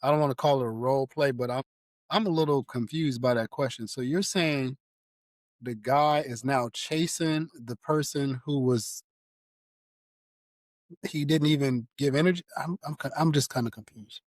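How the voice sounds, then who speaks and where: A man's voice: medium pitch, moderate pace, no echo, clean studio sound. A man co-hosting a casual group podcast, hesitant and thinking aloud as he talks. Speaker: podcast co-host.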